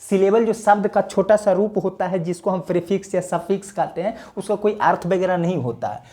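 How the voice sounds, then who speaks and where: A man's voice: high voice, a little fast, dark tone. A man with a Bihari accent giving a chatty, joking grammar lesson, asking questions and answering them himself. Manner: chatty and joking, asks questions then answers them, calls viewers sir. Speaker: English grammar teacher. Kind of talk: casual grammar lesson to camera.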